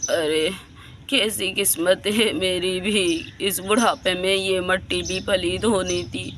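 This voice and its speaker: Woman playing a tired, weeping old man, low and slow, storybook figure. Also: fairly even intonation, a bit bright, slight background noise. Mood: lamenting. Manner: sobbing, lamenting. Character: weary old man, heartbroken and tearful.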